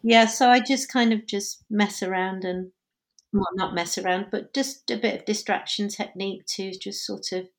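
An actor and dancer guest in a conversational interview, this woman talks chattily, laughing often and correcting herself. Her mid-range voice keeps a fairly even intonation at a moderate pace.

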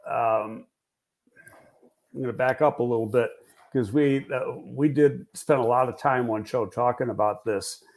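A man's voice: medium pitch, fairly even intonation, a little slow, a little mellow. Male football analyst host, mid-range voice, frank and analytical, casual delivery with fillers. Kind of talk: casual football podcast talk.

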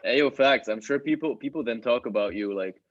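Husky young man teasing, slightly dull recording. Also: medium pitch, fairly quick. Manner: slangy, teasing. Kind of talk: casual teasing banter.

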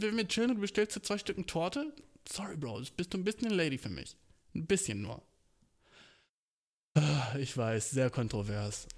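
A young man rants comedically and casually, his outrage playfully exaggerated and his speech packed with slang, English words and swearing. His voice is slightly high with a darkish tone.

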